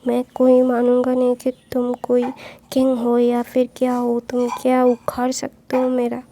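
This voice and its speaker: A woman's voice: on the high side, completely flat delivery, measured pace, warm tone, a little hiss or hum. A woman voicing a hot-tempered, jealous young man in a told story, speaking angrily and threateningly. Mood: furious. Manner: angry, threatening.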